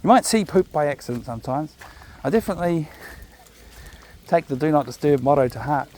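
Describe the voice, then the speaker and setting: Recorded on a chest-mounted camera, a New Zealand-accented man rambles casually to viewers while out on park trails with his dog. He sounds laid-back and chatty, tossing in jokey asides, with a fairly high, darkish voice, lively intonation, and a brisk pace. Slight background noise is present.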